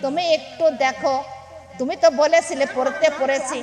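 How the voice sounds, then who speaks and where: A woman's voice: high voice, steady tone, normal speed, darkish tone, close to an everyday voice. Woman voicing a devout, earnest young wife. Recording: echoey hall reverb.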